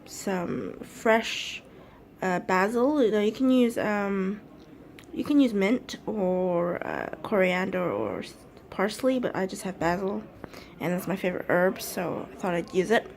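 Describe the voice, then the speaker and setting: A woman's voice: medium pitch, animated, slow, creaky, a little hiss or hum. A young woman chatting casually in a vlog, rambling a little and correcting herself as she talks. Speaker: vlogger.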